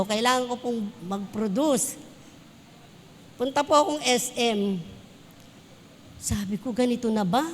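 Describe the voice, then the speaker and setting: A Filipino woman preaching a church sermon, switching between Tagalog and English and telling personal stories. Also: fairly high pitch. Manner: mixes Tagalog and English, tells anecdotes with laughs. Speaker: pastor. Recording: long hall reverb.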